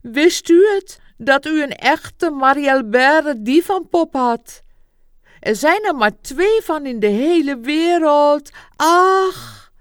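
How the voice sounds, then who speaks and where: A woman's voice: high-pitched, expressive, takes it slowly, no room sound, clean studio sound, pitched above the performer's own voice. A woman playing a trembling old doll doctor with a strange accent. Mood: emotional, tearful. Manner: odd foreign-sounding accent, sighing exclamations.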